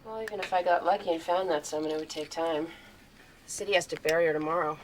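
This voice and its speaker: An actress playing an earnest woman detective who speaks softly and politely, with some hesitation. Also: sits low, steady tone, quick pace, a little hiss or hum, close to an everyday voice. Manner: soft-spoken, polite, hesitant.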